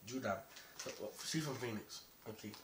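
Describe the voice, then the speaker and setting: A man's voice: lowish voice, normal speed. A man hosting a casual taste-test video, chatting playfully to camera and repeating phrases for effect in exclamations. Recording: noisy amateur video with clicks.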